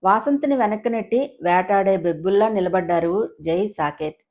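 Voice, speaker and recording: A woman narrating a family drama audio story in a dramatic, brisk way. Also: mid-range voice, darkish tone, dull audio.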